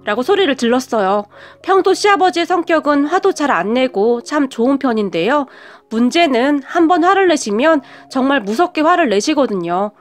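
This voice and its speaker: A woman narrating a first-person family story as the daughter-in-law, in a conversational, dramatic way. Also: high-pitched.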